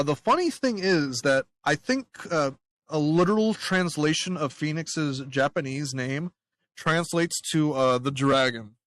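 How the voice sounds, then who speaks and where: A man's voice: a little high, a bit bright, dry recording. A man casually commenting during a game stream, hesitant and chatty.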